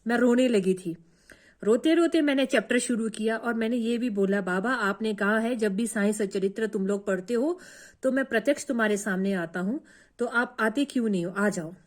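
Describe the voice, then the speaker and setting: A woman's voice: fairly high pitch, moderate pace. A woman telling her own devotional experience in an earnest, emotional way, often repeating herself. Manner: earnest, repetitive, emotional storytelling. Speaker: devotee sharing a personal experience. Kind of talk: emotional first-person testimony.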